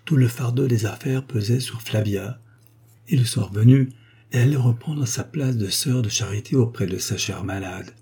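A man reading a nineteenth-century novel aloud as an audiobook narrator, in a measured, expressive way. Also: mid-range voice, creaky, slightly rough. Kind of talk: scripted literary narration.

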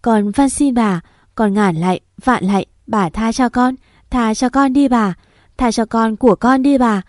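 A woman's voice: a little high, measured pace, darkish tone, no room sound, clean studio sound, close to an everyday voice. A woman voicing a young pregnant servant woman who begs through tears, with a choked voice, in a storybook reading. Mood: pleading, tearful. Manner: choked, begging. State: crying.

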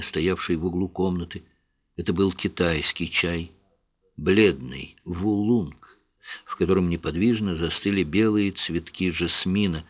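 A man with a very low voice narrates an adventure audiobook. He reads in a measured, even way. The recording is a little dull and lo-fi. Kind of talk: scripted narration.

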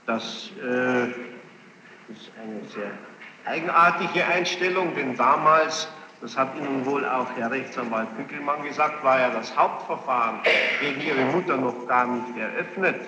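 The medium-pitched voice of a man serving as presiding judge questions a witness sternly and insistently. He speaks formally in long, halting sentences. The tape sounds archival, muffled and noisy, echoing through a big courtroom with clear tape noise.

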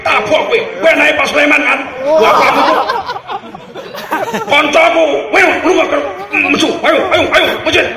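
A man voicing a brash, loud male martial-arts tough guy who barks rough street slang at gamblers. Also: very high-pitched, unhurried, echoey room, in a large hall, a loud crowd, voice pushed up. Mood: bossy.

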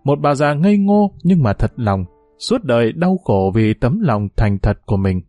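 A man reading a novel aloud in steady, measured storytelling narration. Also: mid-range voice, dry recording, soft background music.

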